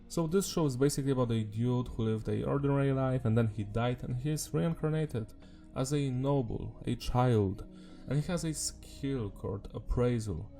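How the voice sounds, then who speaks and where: A gravelly, mellow voice of medium pitch belongs to this anime review host, who sounds sick with a sore, swollen throat. He keeps his commentary informal and rambling, with mild swearing here and there.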